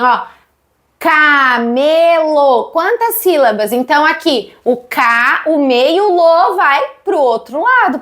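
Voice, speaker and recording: A woman in her thirties with a Brazilian Portuguese accent, explaining literacy teaching and asking her viewers questions. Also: sits high. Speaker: literacy educator.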